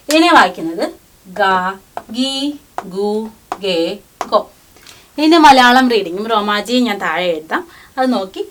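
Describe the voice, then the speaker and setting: A woman giving a language lesson. She teaches patiently, reading each syllable out slowly and repeating it. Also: a little high, a bit bright.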